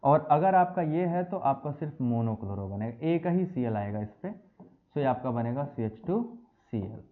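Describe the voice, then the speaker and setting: Animated chemistry teacher, tinny sound. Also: male voice, medium pitch, normal speed. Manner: lively, addresses students as beta and bachche; mixes English phrases into explanation. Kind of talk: classroom lecture. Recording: tinny phone-like audio.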